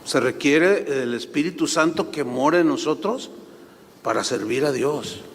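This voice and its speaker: A male pastor, preaching a sermon and telling animated anecdotes. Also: fairly high pitch, a little slow, big-room sound.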